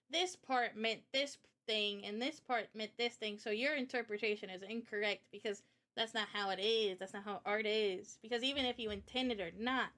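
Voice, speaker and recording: A woman with a mid-range, fairly bright voice hosts a live stream and interviews a guest. The conversation is casual and unscripted, and as an illustrator she talks about art earnestly and passionately.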